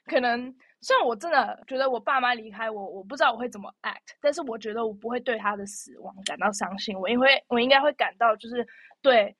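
A young woman co-hosting a podcast, telling stories in a chatty, animated way with lots of fillers. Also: fairly high pitch, fast talker, no echo, studio quality. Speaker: podcast co-host. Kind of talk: casual chat.

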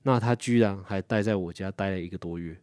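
A man co-hosting a podcast, telling stories in a lively, cursing way and acting out what others said. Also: low-pitched, a little fast, clear, resonant tone, dry recording, studio quality. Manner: animated storyteller who swears and acts out quoted friends. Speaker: podcast co-host. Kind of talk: casual chat.

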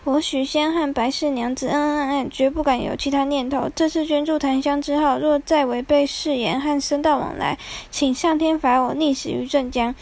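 An eager, anxious young husband talks earnestly and a little flustered, as a woman storyteller plays him. The voice stays high, light, and unhurried. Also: fairly even intonation, a little mellow.

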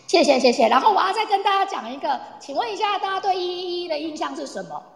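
A woman with a very high, sing-song voice and vocal fry speaks fast as a guest speaker explaining Polish culture to a live online audience. She addresses listeners directly like a teacher in an informal talk, and the live audio room sounds reverberant, with long, echoey reverb.

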